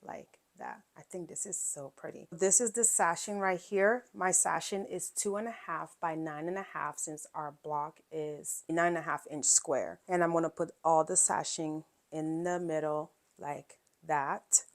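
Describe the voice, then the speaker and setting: A woman with a somewhat low voice talks through a quilting project step by step. Her delivery is loose and chatty, full of fillers and quick check-ins with the viewer. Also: fairly even intonation. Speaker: quilting channel host. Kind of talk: casual sewing tutorial.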